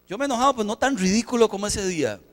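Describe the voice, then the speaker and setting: A male pastor, preaching a sermon and telling an animated story with acted-out dialogue. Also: sits high, very fast, long reverb tail. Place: church sanctuary.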